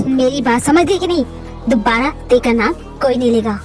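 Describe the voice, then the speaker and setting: A woman doing a possessive rich young man in an amateur fan dub, bossy and threatening. She pushes her voice down well below her own high natural register to play him. The lines come out commanding and low for her. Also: moderate pace, soft background music, natural voice.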